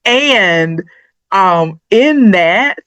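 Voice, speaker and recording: A woman's voice: mid-range voice, expressive, extremely slow, fairly bright tone, clean tone, no room sound. A middle-aged woman co-hosting a podcast, chatting candidly and personally, thinking aloud with restarts. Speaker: podcast co-host. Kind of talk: candid conversational chat. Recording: dry, slightly dull podcast audio.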